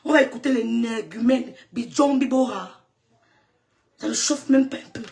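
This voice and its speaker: A woman from Cameroon delivering a heated, defiant monologue aimed at her critics, trading insults and switching between mocking laughter and shouting. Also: fairly high pitch, a little slow, vocal fry. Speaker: online content creator.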